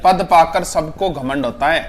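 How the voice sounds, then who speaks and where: A man's voice: fairly high pitch, unhurried. A man with a Rajasthani accent teaching a class, repeating each proverb and explaining it in a chatty style with local dialect and jokes for the students.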